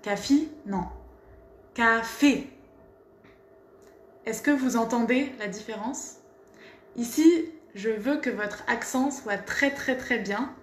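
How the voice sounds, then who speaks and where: A woman's voice: on the high side, unhurried, reverberant, slight background noise. A woman teaching pronunciation, carefully articulating and repeating each word. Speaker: French teacher. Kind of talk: pronunciation lesson.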